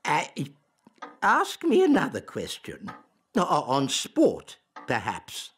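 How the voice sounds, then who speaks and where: A man's voice: mid-range voice, wildly swooping pitch, takes it slowly, fairly bright tone, breathy edge, heavily acted. An actor playing a pompous old male elf in a British-accented children's cartoon, evasive when challenged. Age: older.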